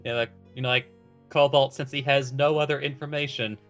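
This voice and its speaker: A man's voice: mid-range voice, steady tone, fairly quick, fairly bright tone. A man with a mid-range voice chats as a tabletop player. He is casual and hesitant, restarting his thoughts, with guitar music behind. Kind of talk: casual game chat.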